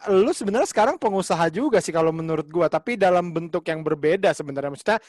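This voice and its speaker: A man speaks in a somewhat high voice, working his thoughts out slowly with lots of hesitation. The sound is dry and close, with no echo. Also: animated, a little mellow. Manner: hesitant, many fillers and restarts while thinking aloud. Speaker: stand-up comedian. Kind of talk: casual panel chat.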